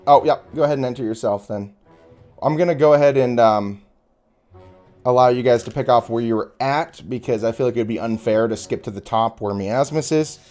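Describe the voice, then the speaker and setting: A man's voice: mid-range voice, darkish tone, soft background music. A man narrating as game master of a tabletop game, with an easygoing, chatty manner. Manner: easygoing, chatty, with quick laughs between narration.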